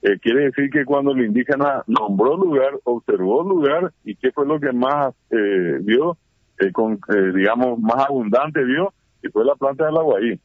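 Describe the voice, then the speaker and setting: A man's voice: medium pitch, expressive, measured pace, dry recording. A man as a radio interview guest, explaining at length with many fillers and restarts. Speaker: guest, Guarani scholar. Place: at home during heavy rain. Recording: tinny phone line.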